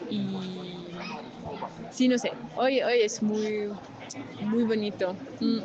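Swiss woman, non-native, very slow and hesitant, dull lo-fi sound, crowd behind. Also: mid-range voice, noisy background. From Switzerland. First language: not Spanish. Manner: hesitant, soft-spoken. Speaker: event participant. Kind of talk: vox-pop interview. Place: outdoor community gathering. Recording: lo-fi outdoor field recording with crowd.

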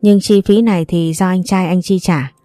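A woman's voice: lowish voice, steady tone, normal speed, warm tone, no echo, clean studio sound, faint music behind, natural voice. A woman voicing an apologetic, caring young man who talks earnestly and reassuringly.

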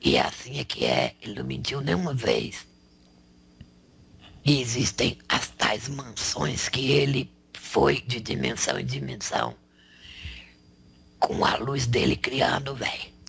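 A man channeling a male spirit who preaches in a slangy, raspy whisper, tagging lines with rhetorical questions. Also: medium pitch, big pitch swings, unhurried, pauses often, fairly bright tone, exaggerated voice. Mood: preaching. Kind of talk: spiritual counsel.

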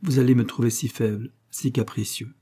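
A man voicing a flattering, scheming middle-aged fortune hunter in a storybook reading, with a gushing, wheedling delivery. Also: mid-range voice, a little fast, slightly rough, close to an everyday voice.

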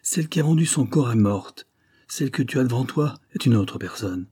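Male reader as dignified young woman, earnest and restrained, husky tone. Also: mid-range voice, a little fast, warm tone, lightly acted.

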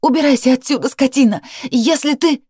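A woman reading an audiobook, voicing a defiant young heroine who snaps and shouts in anger. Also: high voice, brisk, breathy edge, dry recording, studio quality, pitched above the performer's own voice. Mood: furious. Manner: sharp, defiant outbursts.

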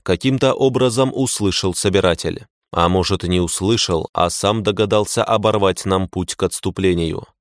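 A man reading a fantasy audiobook in a measured, grim first-person narration. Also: low voice, no room sound, clean studio sound.

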